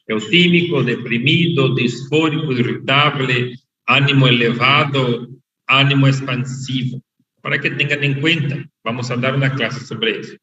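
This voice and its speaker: A man lecturing a medical class, explaining terms slowly and repeating the key words. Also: medium pitch, steady tone, pushed and bright. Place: online class. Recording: echoey, dull, far from the mic over an unstable online connection.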